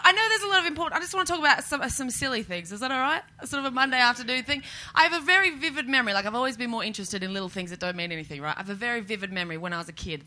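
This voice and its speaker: A woman's voice: mid-range voice, pushed and bright. A young Australian woman doing a stand-up set, chatty and self-mocking with punchy delivery. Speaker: stand-up comedian.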